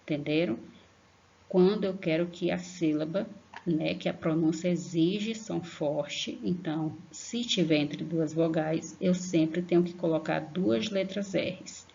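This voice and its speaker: A Brazilian woman teaching an online grammar lesson to young children, affectionate, slowly spelling out syllables and checking in with a questioning "tá?". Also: fairly low pitch, vocal fry, warm tone. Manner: affectionate, tags sentences with a questioning "tá?"; slow, emphatic spelling-out of syllables. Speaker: primary school teacher. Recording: lo-fi online class recording.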